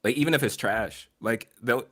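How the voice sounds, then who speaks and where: A man's voice: mid-range voice, moderate pace, fairly bright tone. A man co-hosting a podcast in casual discussion, reflective and restarting as he thinks, often acting out what others might say. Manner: reflective, repeats words while thinking; voices other people in quotes. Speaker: podcast co-host.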